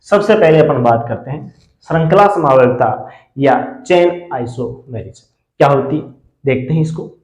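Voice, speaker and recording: A man teaching a chemistry class, who asks questions and answers them himself and repeats key terms slowly so students can write them down. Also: mid-range voice, expressive, darkish tone, reverberant, low-quality recording. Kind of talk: classroom lecture.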